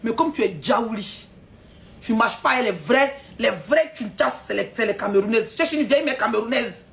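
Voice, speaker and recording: A woman's voice: fairly high pitch, lively intonation, normal speed, gravelly. A woman ranting on a live stream, scolding and mocking her audience with frequent laughs.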